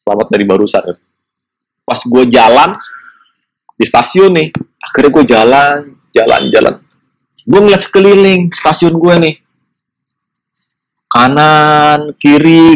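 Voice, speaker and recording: A man spins a personal story in loose, chatty speech, doubling up words and throwing in sound effects. His voice sits a touch higher than most men's. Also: low-quality recording. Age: 40s. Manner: animated, repeats words and makes sound effects. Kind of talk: casual spoken true-story telling.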